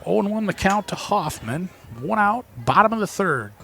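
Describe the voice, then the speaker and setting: A man with an American Midwest accent calling a local baseball game play-by-play, chatty and reading viewer texts between pitches. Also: very animated, normal speed, creaky, fairly bright tone. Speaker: play-by-play announcer.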